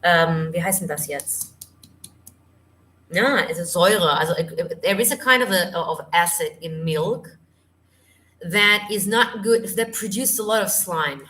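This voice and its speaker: A woman's voice: on the low side, unhurried, sharp tone. A woman vocal coach, tired, chatting through a live Q&A and hunting for English words. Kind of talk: live stream Q&A. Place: home.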